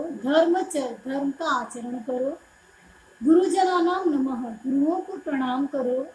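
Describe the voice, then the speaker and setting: A woman's voice: high-pitched, darkish tone, roomy sound. A woman teacher giving an online Sanskrit lesson, reading each Sanskrit line and then explaining it in Hindi. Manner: explanatory, reads Sanskrit lines then glosses them in Hindi.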